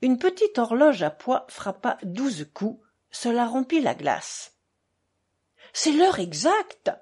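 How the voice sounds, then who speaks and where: A woman narrating a classic novel as an audiobook, in a measured, expressive reading. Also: a little high, breathy edge.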